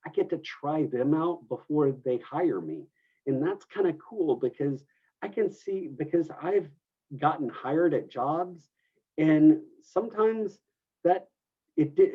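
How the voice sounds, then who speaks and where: A man's voice: fairly high pitch, highs cut off. A man teaching a class in a classroom, talking loosely, with many restarts and fillers. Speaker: culinary instructor. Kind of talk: classroom lecture.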